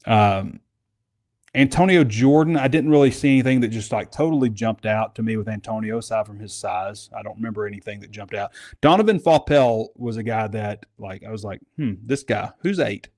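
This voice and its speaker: A man's voice: lowish voice, brisk, darkish tone. A man hosting a casual sports podcast, talking in a rambling, conversational way. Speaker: podcast host.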